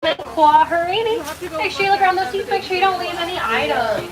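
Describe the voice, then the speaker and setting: A woman giving a cheerful, scripted safari ride spiel over the ride vehicle's loudspeaker. She calls the riders "friends". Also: very high voice, animated, a little fast, far from the mic, a crowd in the background, poor audio. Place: open-air safari truck outdoors.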